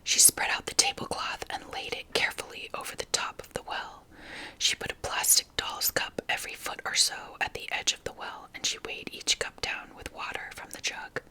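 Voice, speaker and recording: Whispering woman reading a story, bright, crisp edge. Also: normal speed. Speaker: ASMR reader. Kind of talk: whispered ASMR audiobook reading.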